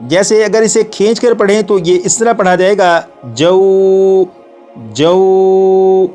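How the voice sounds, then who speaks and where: A man teaching a recitation lesson step by step, explaining each rule patiently and then demonstrating the sounds slowly, repeating each one three times. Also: high voice, fairly even intonation, a little mellow, soft background music.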